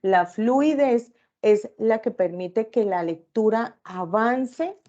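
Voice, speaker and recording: A woman's voice: on the high side, takes it slowly, warm tone, highs cut off. A woman teaching an online class, often checking in with her students through short tag questions.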